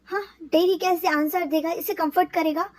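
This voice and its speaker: A woman's voice: extremely high pitch, fairly even intonation, moderate pace. A woman narrating her own fan-fiction story in a chatty, casual way, mixing in English words.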